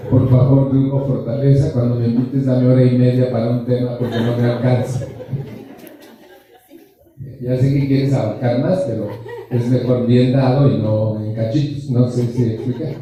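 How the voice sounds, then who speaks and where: A man's voice: mid-range voice, little pitch movement, moderate pace, a crowd in the background. A man giving a joking, blunt motivational talk to a group, full of rhetorical questions and slang. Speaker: speaker at a support group anniversary. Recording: echoey hall, distant mic.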